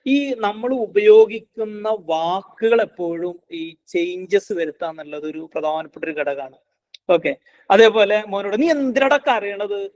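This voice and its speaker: A man giving a parenting class, acting out a harsh and then a gentle parent talking to a child. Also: sits high, unhurried. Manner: acts out scolding and tender parent lines in a coaxing voice. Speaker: parenting trainer. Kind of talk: online class lecture.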